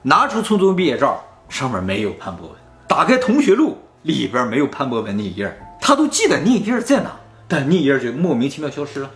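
A man tells a spooky tale in casual chat, acting out each quoted line. He talks fast, and his fairly high voice swoops all over. The room is echoey, with faint music behind. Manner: animated, acts out quoted lines. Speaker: storyteller host.

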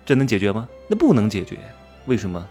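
A man's voice: fairly low pitch, mellow, breathy edge. A man giving a casual, provocative monologue full of rhetorical questions and teasing. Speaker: self-styled commentator.

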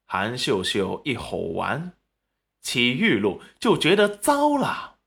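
A man narrating a web novel audiobook in a dramatic, animated manner. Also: medium pitch, takes it slowly, creaky.

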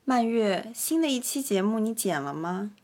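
A woman co-hosting a casual chat podcast who also teaches music, speaking in a calm, dry, wry way. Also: medium pitch, moderate pace.

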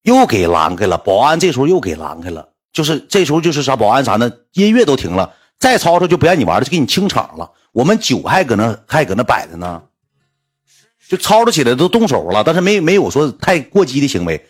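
A man's voice: medium pitch, sing-song, quick pace, slightly rough. A man with a Northeastern Mandarin accent telling a rambling, colloquial anecdote, often repeating himself. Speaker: storyteller.

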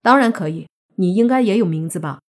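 A woman voicing a kind, easygoing young man who has become a zombie, in a relaxed, plain-spoken way. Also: medium pitch, a little fast, close to an everyday voice.

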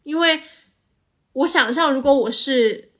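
Higher-voiced woman, casual and analytical. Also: a little slow, a bit bright. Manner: analytical, explains at length with occasional English filler. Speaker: podcast co-host. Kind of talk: casual reflective conversation.

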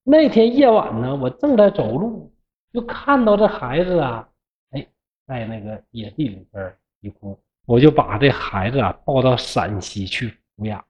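The storyteller voicing a gentle, capable fox spirit woman, in a soft, lowered, steady Northeastern Mandarin manner, on a dull lo-fi recording. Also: normal speed, lightly acted. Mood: calm.

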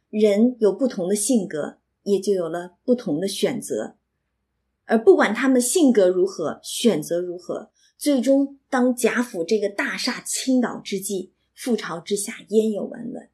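A woman explaining a classic novel, reading and commenting in an expressive, reflective storytelling manner. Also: medium pitch. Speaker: literature lecturer and reader.

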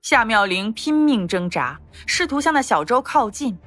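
A woman narrating a novel as an audiobook in an expressive storytelling manner. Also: a little high, normal speed. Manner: expressive storytelling, lively intonation.

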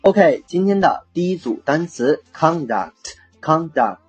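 A man's voice: sits high, lively intonation, unhurried, darkish tone, slightly rough, faint music behind. A male English vocabulary teacher hosting a casual radio-style lesson, chatty and jokey, spelling words out letter by letter, with Chinese as his first language.

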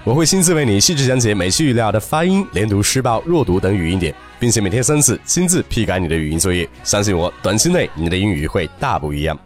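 Man, pronunciation teacher; animated delivery, lowish voice, slow drawn-out demo words. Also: faint music behind. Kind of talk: lively spoken lesson.

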